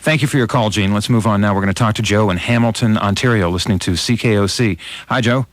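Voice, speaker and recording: A man hosting a call-in radio show, brisk and matter-of-fact as he moves between callers. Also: fairly low pitch, no echo. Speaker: radio host.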